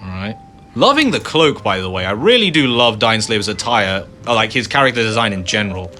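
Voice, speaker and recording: A young gaming video host chats casually through a let's-play, rambling and packing in fillers as he plays. His lowish voice is pushed, bright, brisk and very animated, with faint music playing behind him.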